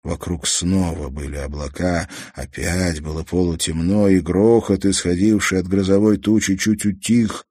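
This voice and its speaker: A man narrating a story in a calm, measured way. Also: deep voice, dry recording, clean studio sound. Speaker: audiobook narrator.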